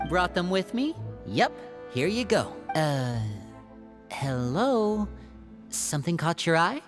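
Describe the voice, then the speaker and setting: A woman's voice: fairly low pitch, big pitch swings, slow pace, over music. A woman voicing a polite, composed young man in a video game, gracious and brotherly. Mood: easygoing.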